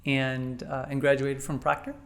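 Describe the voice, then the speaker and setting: A man, a college president, interviewing a guest on a podcast, asking measured questions with frequent fillers. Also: mid-range voice, completely flat delivery.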